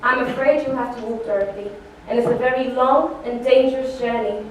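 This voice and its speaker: Woman acting Glinda, a high-voiced protective good witch. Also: fairly even intonation, fairly quick, natural voice. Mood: kindly, solemn. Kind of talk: theatrical stage play acting. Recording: very echoey hall, distant mic, faint noise.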